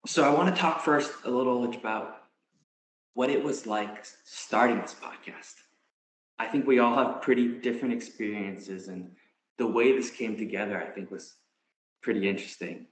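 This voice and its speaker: A man's voice: fairly low pitch, roomy sound, slight background noise, low-quality recording. A young man from Canada, co-host of a podcast, leading the conversation in a friendly, upbeat way. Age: young adult. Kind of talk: casual podcast hosting.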